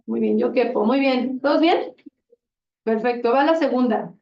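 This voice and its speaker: Gravelly and a little high, a woman's unhurried voice leads a classroom Spanish conjugation drill. She encourages students patiently and often praises their answers; the audio is roomy, distant and dull.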